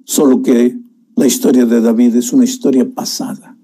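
Male preacher, emotional storytelling sermon, dark mellow tone, slightly husky. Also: medium pitch, steady tone, moderate pace. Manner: emotional storytelling, addresses listener warmly as dear one.

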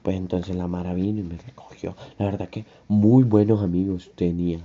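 A young man with a Honduran accent telling a personal story in a casual, slangy, animated way. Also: low-pitched, normal speed. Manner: animated, slangy, acts out his own crying. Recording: dull lo-fi recording, faint music.

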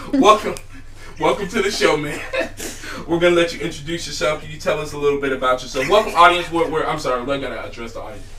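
A man's voice: on the high side, quick pace, roomy sound, far from the mic, a crowd in the background, rough recording. A man hosting a casual chat podcast, talking in a laid-back, rambling way and laughing often. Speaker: podcast host.

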